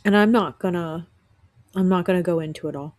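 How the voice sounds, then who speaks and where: A woman podcast host, sick and rough-voiced, talking earnestly from her couch at home in a reflective spiritual monologue with frequent restarts. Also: on the low side, fairly quick, darkish tone, dry recording, clean studio sound.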